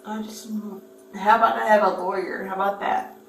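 A woman's voice: medium pitch, steady tone, brisk, fairly bright tone, soft background music. A woman, rambling and pleading while being held by police. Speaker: person being arrested. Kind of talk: police custody recording. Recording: echoey room, distant mic, background noise.

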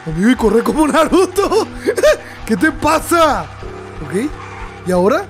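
A young man giving excitable let's-play commentary to his audience, laughing often and yelping at scares. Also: extremely high pitch, measured pace, faint music behind. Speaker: gaming YouTuber.

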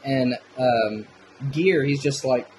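A man's voice: medium pitch, slow, darkish tone, slight background noise, low-quality recording. A man giving a casual, enthusiastic film review, swearing freely as he talks.

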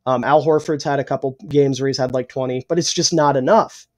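A young man co-hosting a casual sports podcast, opinionated and swearing freely, a little hoarse and clearing his throat. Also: mid-range voice, steady tone, fairly quick. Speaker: podcast co-host.

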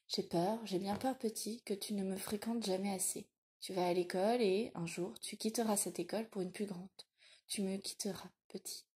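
Woman reader voicing a middle-aged blacksmith father, solemn and tender, mellow tone, audiobook. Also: medium pitch, steady tone, normal speed, lightly acted. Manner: solemn, confiding. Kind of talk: audiobook reading.

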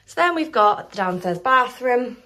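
A woman's voice: a little high, expressive, moderate pace, bright, forceful tone. A young woman chatting casually and rambling as she walks a camera through the rooms of her small house. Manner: chatty, rambling, filler-heavy. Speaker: vlogger. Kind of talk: casual house tour vlog. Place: small house indoors, moving between rooms.

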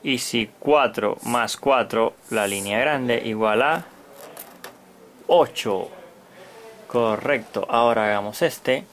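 A man's voice: medium pitch, slow pace, long pauses, a bit bright. A man giving a step-by-step children's math lesson like a kids show host, in simple short phrases, as a teacher. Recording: noticeable background noise.

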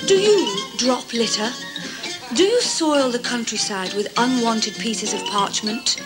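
A woman's voice: a little high, unhurried, music in the background, natural voice, poor audio. A woman playing a stern announcer in a spoof public information film. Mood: mock-stern.

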